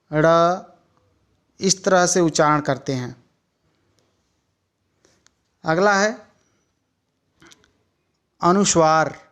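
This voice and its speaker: Slow, deliberate male Hindi lecturer. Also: on the high side, fairly bright tone. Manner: measured, listing points one by one with pauses. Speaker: teacher educator. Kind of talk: slow lecture reading from notes.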